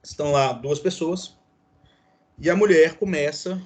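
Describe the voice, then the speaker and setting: Speaking at a measured pace in a slightly high, darkish voice, a man from Brazil delivers a law lecture in a classroom as the professor. His Brazilian Portuguese accent comes through as he explains, leaning on fillers and tag questions.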